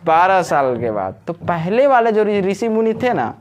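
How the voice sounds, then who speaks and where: A man's voice: high voice, big pitch swings, a little slow. Joking male teacher with a Jharkhand accent. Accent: Jharkhand Hindi. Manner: joking, chatty, quizzes the class. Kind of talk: classroom lecture. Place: coaching classroom.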